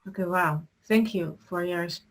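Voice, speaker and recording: A woman moderating an online session over a video call, halting and searching for words as she calls on speakers. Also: fairly low pitch, slight background noise.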